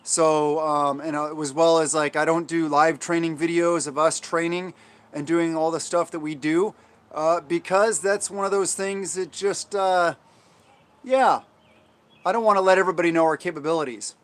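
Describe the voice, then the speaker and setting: Man, American accent, slightly high voice, livestream host, informal chat, halting delivery, restarts and trailing phrases. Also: fairly even intonation, smooth. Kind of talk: casual livestream chat, answering viewer comments.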